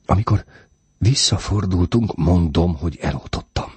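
A man's voice: a bass voice, slightly rough, dry recording, exaggerated voice. A man voicing a tense, curt middle-aged husband who speaks insistently.

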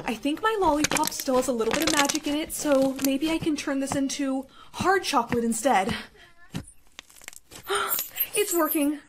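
A woman's voice: high-pitched, background noise. Synthetic woman voicing a stubborn young princess. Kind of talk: text-to-speech storytime narration.

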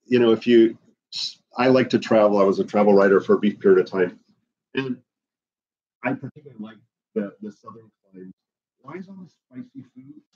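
A middle-aged man from the Bahamas teaching an herbalism class indoors, animated and gesturing a lot while he paces, recorded by a camera at a distance. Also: mid-range voice, husky, muffled recording. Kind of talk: lecture to a class. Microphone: far camera on the floor.

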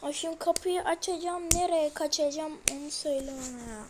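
A woman's voice: high voice, fairly quick, background noise. A young woman playing a horror game, talking to viewers in a jittery, scared, exclaiming way. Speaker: gamer. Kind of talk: horror game let's play commentary.

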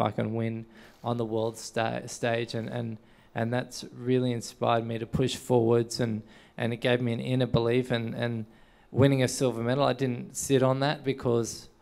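An earnest Australian man in his forties speaks into a handheld mic on an event stage. His voice is gravelly yet resonant, with a fairly flat, even delivery. He keeps restarting his sentences with a string of "and"s. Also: mid-range voice. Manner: earnest, repeats "and" often while searching for words. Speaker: Paralympic sailor, honoree. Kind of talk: stage interview.

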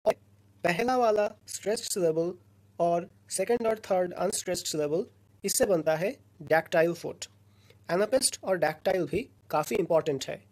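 A woman teaching a recorded lesson, explaining slowly and patiently in short phrases with pauses between them. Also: on the low side, a little mellow. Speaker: lecturer.

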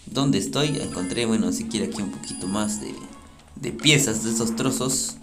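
A gaming YouTuber doing gameplay commentary, muttering to himself and bursting into frantic outcries. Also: male voice, lowish voice, normal speed, over music.

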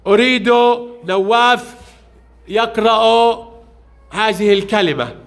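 A very high, bright, forceful male voice belongs to a primary teacher running a classroom reading drill. He asks brisk questions of the young children and praises each reply.

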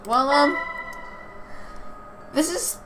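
A woman with a high-pitched voice draws out her words while reading a visual novel playthrough aloud, music playing behind her. She adds casual asides, stumbles over words and corrects herself. Background noise is clearly audible.

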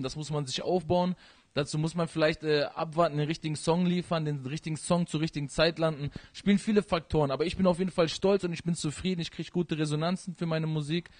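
A young man from Iran, born there and raised in this country, answers interview questions into a handheld mic. He rattles along quickly in loose run-on sentences full of fillers, with a slightly high voice. The sound is close and dry. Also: steady tone, darkish tone, dry recording. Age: young adult. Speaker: rapper being interviewed. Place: living room at home, indoors.

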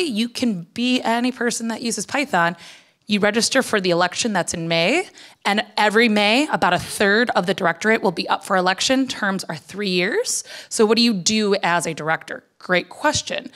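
A woman's voice: medium pitch, a bit bright. A woman in her thirties speaking conversationally to an audience in an informal conference talk, often dropping "like" into her sentences. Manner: conversational, peppers speech with "like". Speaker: conference speaker, foundation director. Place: on stage at a conference hall lectern. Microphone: handheld microphone.

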